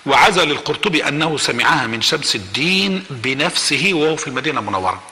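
A guest speaker, a man with an Egyptian accent, tells a religious story and voices the characters' quoted lines with lively energy. His pitch is fairly high and he talks quickly, with the sound of a big room around him.

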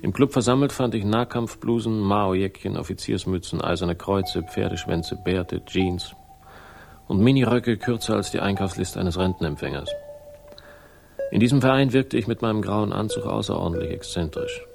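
A male actor voices a wry, world-weary private eye narrating a crime radio drama with deadpan, sardonic delivery. His voice sits lowish with vocal fry, moving at normal speed over music in a mood of dry irony.

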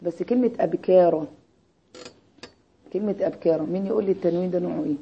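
A woman's voice: on the low side, very fast, vocal fry, husky, highs cut off. An Egyptian woman teaching an Arabic grammar lesson, constantly quizzing her students with repeated "what?" prompts. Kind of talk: Arabic grammar lesson with call-and-response questions.

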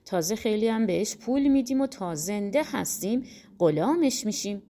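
A woman's voice: mid-range voice, lively intonation, dark tone, close to an everyday voice. A woman reading a storybook, voicing frightened merchants who speak in a hurry. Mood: hurried. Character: frightened ship's merchants, men in a group.

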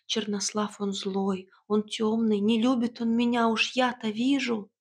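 A woman voicing a timid young tsar's daughter who speaks in a high, trembling, pleading voice. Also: flat delivery, measured pace, husky.

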